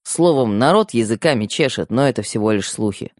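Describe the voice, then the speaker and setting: A man's voice: mid-range voice, animated, brisk, dry recording, studio quality, lightly acted. A man playing a protective teenage younger brother who talks strictly and wearily in an audiobook. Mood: weary. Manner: strict, weary. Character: teenage boy, protective younger brother, stern but tired. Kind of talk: audiobook character voice.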